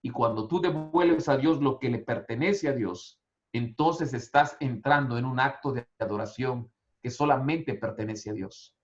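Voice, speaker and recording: A man preaching a sermon as pastor, in emphatic bursts that rise and then fall soft. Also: mid-range voice, unhurried. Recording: dull, muffled lo-fi audio.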